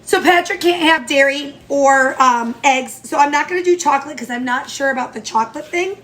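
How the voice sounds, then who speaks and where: A woman's voice: sits high, brisk, a bit bright. A woman with a nasal, stuffy voice from allergies, chatting upbeat as she walks through a baking recipe in her home kitchen. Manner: chatty and upbeat, talks through each step. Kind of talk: casual cooking tutorial chat.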